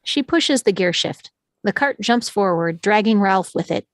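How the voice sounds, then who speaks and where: For a script read, a woman narrates stage directions at a medium pitch and measured pace, with lively intonation in scripted style. The recording is very close and dry.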